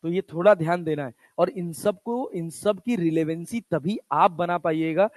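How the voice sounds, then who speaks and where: A physics lecture comes from a man whose pitch is fairly high and whose tone is darkish, delivered at a moderate pace without echo. He keeps it chatty in Hindi with English terms, throwing out questions and supplying the answers himself.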